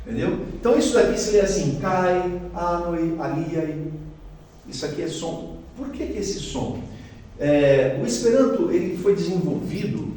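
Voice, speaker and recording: A man's voice: high-pitched, big pitch swings, normal speed, mellow. A man with a Brazilian Portuguese accent giving a chatty, explanatory lecture with slides, often checking in with his audience. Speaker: guest lecturer. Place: large hall at a spiritist center. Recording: very echoey hall, voice far from the mic, faint noise.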